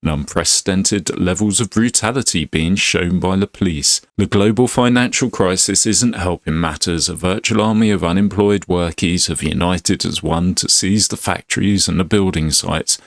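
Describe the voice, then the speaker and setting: A man commentating his gameplay in a playful, laughing way, dropping the odd swear. His voice is fairly low and the sound is dry and close to the mic. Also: normal speed, dry recording. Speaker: gaming YouTuber.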